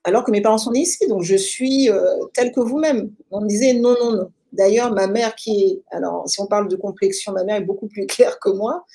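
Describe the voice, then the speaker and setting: A woman with a French accent answers an interviewer at length in a relaxed, storytelling way. Her voice is mellow and slightly husky, with an ordinary middle pitch. She thinks aloud, filling pauses with soft hesitations. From France. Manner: reflective, animated storytelling with many fillers. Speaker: interview guest. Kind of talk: casual conversational storytelling.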